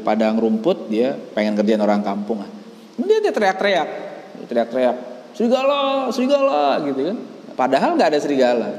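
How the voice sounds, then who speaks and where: Lively Indonesian man teaching in an echoey hall. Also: mid-range voice. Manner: explains Arabic text line by line, tells stories with acted quotes. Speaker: Islamic teacher. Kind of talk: religious study lesson. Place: mosque or pesantren hall.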